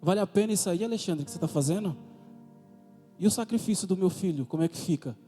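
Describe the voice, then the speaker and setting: Fervent high-voiced preacher in a reverberant hall. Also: male voice, quick pace, dark tone. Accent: Brazilian Portuguese. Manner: fervent, repetitive rhetorical questions. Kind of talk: sermon testimony. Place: church. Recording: reverberant church hall with music.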